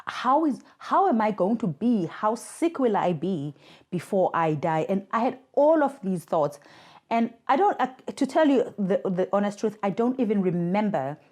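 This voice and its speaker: With a sing-song lilt in a medium, slightly mellow voice, a South African woman in her thirties speaks at normal speed. She appears remotely on a podcast, earnestly and reflectively telling her own story as a communications worker for a mothers' charity.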